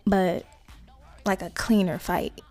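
A woman hosting a casual solo podcast, talking to listeners in slangy, sweary asides with creaky vocal fry. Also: fairly low pitch, fairly even intonation, slow pace, warm tone, faint music behind. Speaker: podcast host.

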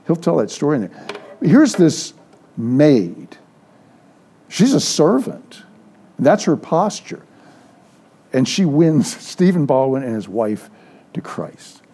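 A man's voice: a little high, slow, pauses often, breathy edge. An older man teaching a church Sunday school class, telling anecdotes and acting out the dialogue. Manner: lively storyteller, acts out quoted dialogue. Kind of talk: informal sermon with storytelling.

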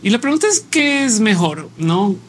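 A man's voice: sits high, big pitch swings, normal speed, slight background noise. Mexican man musing on a live stream. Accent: Mexican Spanish. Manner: musing, conversational, thinks aloud with restarts. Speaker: live show host. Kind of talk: casual live-stream chat, reading viewer comments.

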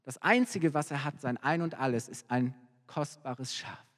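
A man voicing the prophet Nathan, a grave older man quietly telling a parable, heard in a reverberant hall. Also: mid-range voice, normal speed, natural voice. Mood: grave, hushed.

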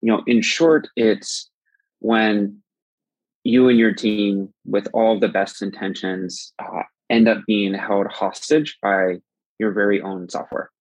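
A podcast guest with a fairly low, steady voice takes his time working through a long, conversational explanation. He's thoughtful, often restarting and using fillers, and the recording is low-quality with no echo.

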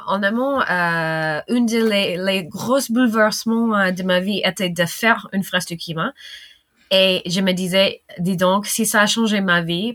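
A middle-aged woman from the western United States talks in French with a clear American accent, pausing often with fillers and breaking into small laughs. Her voice sits at an ordinary pitch and is recorded dry and close, with no room sound. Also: fairly bright tone, no room sound. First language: English. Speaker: guest. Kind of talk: casual interview talk.

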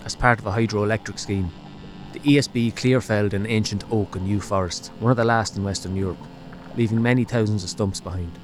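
A man narrating a scripted documentary podcast in a measured, serious way. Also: lowish voice, steady tone. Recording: music behind the narration. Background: music.

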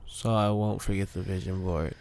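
A man's voice: low voice, fairly even intonation, moderate pace, a little mellow. A man chatting casually at home for a vlog update as an expectant father. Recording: noisy background room ambience.

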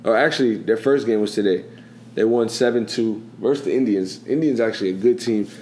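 A man with a lowish, darkish voice hosts a casual sports podcast, speaking briskly and rambling in a chatty way, often asking "you know what I'm saying." The room is echoey, with faint background noise.

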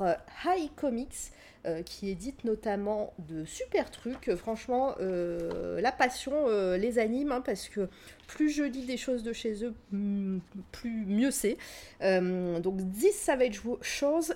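A woman's voice: a little high, darkish tone. A young woman co-hosting a web radio stream in casual chat, hesitant, with many fillers and restarts. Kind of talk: casual live-stream chat, book recommendation.

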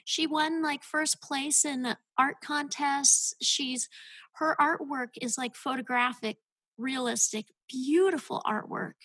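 A woman's voice: sits high, slow pace, fairly bright tone, no room sound, low-quality recording. A woman guest on a podcast, telling her story as a homeschooling mother in an earnest, heartfelt way. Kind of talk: casual podcast interview.

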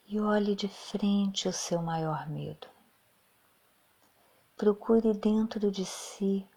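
A woman leading a guided meditation, speaking softly and soothingly, often half-whispering. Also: medium pitch.

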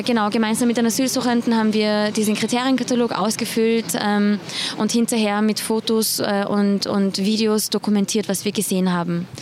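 A young woman from Iran talks as a journalist in an interview, pausing often and filling gaps. Her pitch stays level and even throughout, with a faint hiss beneath her voice. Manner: hesitant, many fillers. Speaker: investigative journalist. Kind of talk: interview answers.

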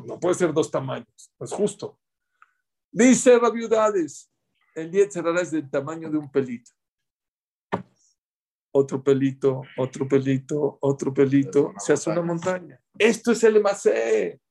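Rabbi guy giving a torah class, kinda high voice, gets loud then goes quiet, talks right at the room. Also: a little slow, vocal fry. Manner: animated, swings pitch and volume for emphasis; speaks directly to listeners, acts out quoted voices.

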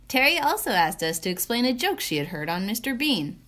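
A woman's voice: fairly high pitch, big pitch swings, brisk, pushed and bright. A young woman co-hosting a podcast who tells of a dinner outing in a dry, wry way. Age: young adult. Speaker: podcast co-host.

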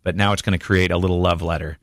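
A man's voice: low voice, steady tone, fast, dry recording, studio quality. A man hosting a morning radio show, upbeat and laughing as he introduces contestants.

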